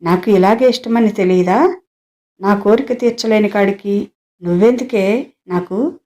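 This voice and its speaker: A woman's voice: mid-range voice, measured pace, a little mellow, close to an everyday voice. A woman reading as an abusive scolding husband. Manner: harsh scolding. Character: abusive domineering husband, middle-aged man.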